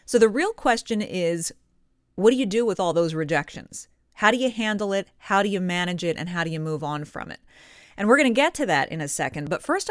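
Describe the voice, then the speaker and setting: Speaking straight to viewers as a video host, a woman gives encouraging, explanatory coaching advice and stresses her key points. Her lowish voice is captured on a close studio condenser microphone with studio quality and no echo.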